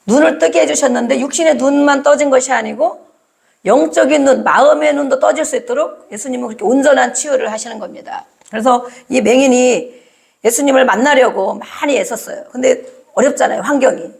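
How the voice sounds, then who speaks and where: A woman's voice: high voice, brisk, creaky. A woman preaching a sermon, often asking the congregation questions and acting out cries.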